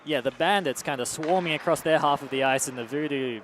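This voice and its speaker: A man's voice: on the high side, a little fast, fairly bright tone, slight background noise. A man calling an amateur hockey game play-by-play from a rink commentary booth, chatty, with joking asides during sponsor plugs.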